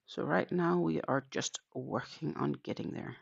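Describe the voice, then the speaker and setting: A crochet channel host in her thirties, originally from Denmark and a native Danish speaker, chats casually and counts stitches aloud on a live stream from her home in the Netherlands. Her low-pitched voice is unhurried and creaky with a breathy edge. The stream's audio is dull and lo-fi.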